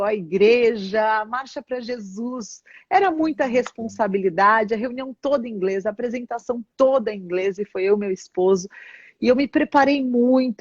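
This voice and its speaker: A woman bishop, appearing as an interview guest, shares a personal testimony in a Brazilian Portuguese accent, her voice slightly high. She tells it with animation, acting out the dialogue as she goes. The recording is dull and dry, with no echo.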